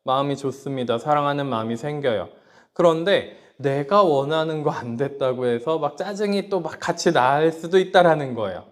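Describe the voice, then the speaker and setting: A man's voice: a little high, moderate pace. A man preaching a sermon to children, telling a family story and often asking his listeners questions. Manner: warm storytelling with questions to listeners and light laughs; acts out a child's quoted words. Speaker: pastor.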